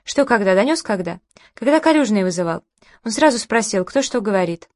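A woman's voice: mid-range voice, animated, brisk, no echo, natural voice. A woman reading as a bitter, sardonic party host. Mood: bitter, caustic. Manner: caustic, bitter, challenging.

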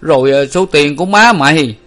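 A man's voice: a little high, normal speed, voice pushed up. A man playing a grief-stricken older father in a storybook reading, choked and lamenting. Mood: mournful lament.

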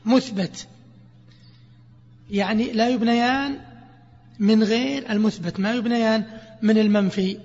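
A man teaching Arabic grammar, asking questions and answering them himself while repeating examples slowly. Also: high-pitched, steady tone, darkish tone. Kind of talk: classroom explanation of grammar. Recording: echoey, dull lo-fi lesson recording.

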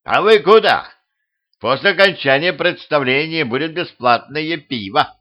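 A man voicing a brash, bossy king who shouts orders and mocks his subjects. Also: medium pitch, animated, slow pace, smooth, muffled recording. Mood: shouting. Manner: shouting, sarcastic and commanding. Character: brash bossy male king, mocking and short-tempered.

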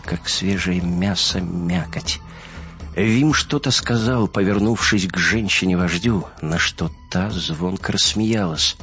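A man with a very deep voice narrates an audiobook in a steady, measured way. The recording sounds muffled, and soft music plays behind him.

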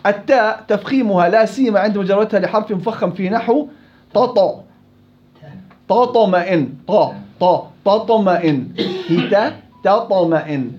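A man teaching Quran recitation rules to students in a classroom. He corrects them, repeats syllables to demonstrate each sound, and recites verses slowly. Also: sits high, expressive. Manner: slow, drawn-out recitation of verses. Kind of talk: tajweed lesson with students. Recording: dull lo-fi recording.

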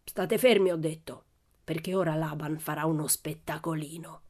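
A woman voicing a brutish, bullying man who shouts and growls threats, in a radio story reading. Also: sits low, level tone, normal speed. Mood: growling, threatening.

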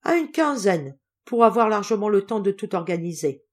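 A hearty, blustering old general, a doting grandfather who speaks up loudly and warmly, as a woman reader puts him on. His voice rides higher and louder than the storyteller's own. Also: big pitch swings, normal speed. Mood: impatient.

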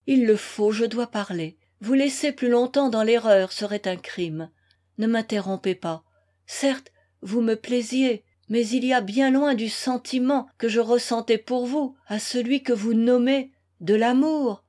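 Read by a woman, a composed young lady in a storybook turns down a suitor with cool, formal restraint. Her delivery is unhurried and her voice sits a little high. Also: mellow. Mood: cold.

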